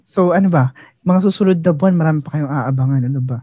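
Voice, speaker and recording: A podcast co-host who is a counselor, chatting casually and warmly wrapping up the episode. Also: medium pitch, fast talker, husky, no echo, dull audio. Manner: encouraging, wraps up the show. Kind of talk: casual chat.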